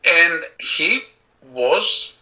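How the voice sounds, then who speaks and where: A middle-aged man, a composer being interviewed, speaking reflectively with many pauses and restarts. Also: a little high, lively intonation, sharp tone, poor audio. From Azerbaijan. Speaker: composer and pianist guest. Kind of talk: casual interview talk.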